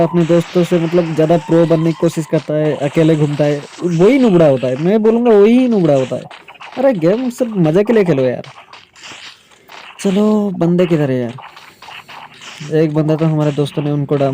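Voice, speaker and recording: Young man, game commentary, excitable, frequent exclamations, mellow tone, faint background hiss. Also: on the high side. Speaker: gaming YouTuber. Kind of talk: live gameplay commentary.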